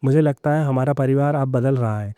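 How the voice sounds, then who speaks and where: A man voicing a patient, gentle young daughter-in-law who speaks softly and pleads. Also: mid-range voice, fairly quick, no echo, lightly acted.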